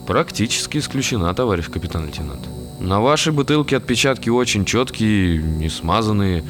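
Man playing precise formal forensics guy reporting to boss, lowish voice, drama music behind. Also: animated, fairly quick, lightly acted. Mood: formal, certain. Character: formal male forensic expert, precise, deferential subordinate. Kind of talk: scripted dramatic acting, official report.

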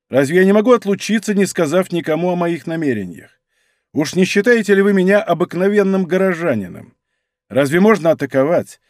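A man's voice: high-pitched, darkish tone, no echo, studio quality. A man doing a stern, commanding general. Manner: measured, resonant, imperious. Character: commanding male general, calm but stern.

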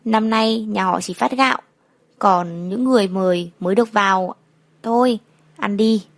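A woman voicing a gruff domineering father. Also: mid-range voice, normal speed, natural voice. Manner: gruff, commanding. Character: harsh domineering village father, middle-aged man.

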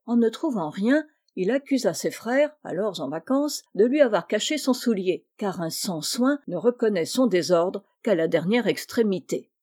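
A woman narrating a classic children's story as an audiobook, in a measured, expressive manner. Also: medium pitch.

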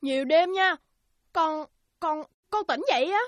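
A woman's voice: high-pitched, a little slow, no echo, studio quality. A woman voicing a sick young boy, whining and pleading. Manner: whiny, pleading. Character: sick young boy who craves frog meat.

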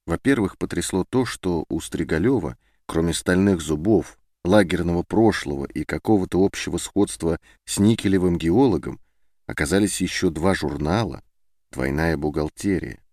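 A man's voice: low voice, moderate pace, a little mellow, no room sound, studio quality. Subdued male audiobook narrator. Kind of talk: scripted narration.

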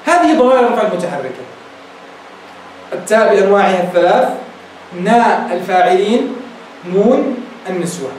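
High-voiced man teaching in an echoey room. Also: big pitch swings. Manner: asks rhetorical questions and repeats examples slowly; addresses listeners as "beloved ones". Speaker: sheikh teaching Arabic grammar. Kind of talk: classroom grammar lecture. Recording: very echoey room, voice from a distance, faint noise.

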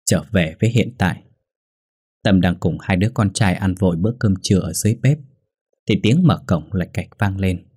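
A man narrating a dark story in a grave, measured voice. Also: deep voice, husky, no echo, clean studio sound.

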